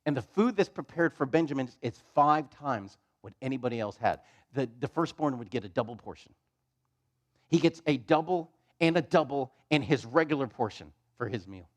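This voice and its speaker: A man's voice: medium pitch, lively intonation, normal speed. Guy preaching a midweek bible study, chatty, retells the story in everyday words, mid voice. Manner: conversational, retelling scripture in casual modern phrasing. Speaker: pastor. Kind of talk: expository sermon. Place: church.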